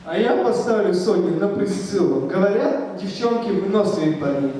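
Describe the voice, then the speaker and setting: A young man plays an excitable gambler in a student stage comedy. The voice is high and swings widely in pitch. It sounds distant in a very echoey hall. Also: normal speed, a crowd in the background. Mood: confident. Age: young adult. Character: excitable young man betting at rat races.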